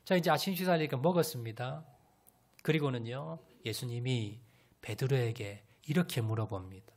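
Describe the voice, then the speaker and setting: A man preaching a sermon as a pastor, telling a Bible story with animated storytelling and questions to the congregation. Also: mid-range voice, moderate pace.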